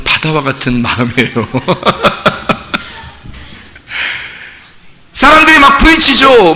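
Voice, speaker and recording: A male pastor delivering a Sunday sermon in a church sanctuary, his voice carrying a long hall reverb. He talks in a high, very bright, sharp tone that leaps around in pitch, swinging from shouted emphasis to quiet, amused asides. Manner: animated, swings from shouting to soft asides, chuckles.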